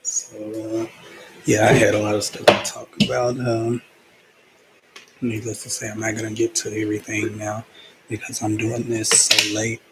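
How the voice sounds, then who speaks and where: A man's voice: fairly low pitch, completely flat delivery, normal speed. Hesitant man rambling over background noise. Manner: hesitant, lots of fillers and restarts. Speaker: vlogger. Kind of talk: casual rambling monologue. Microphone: own microphone.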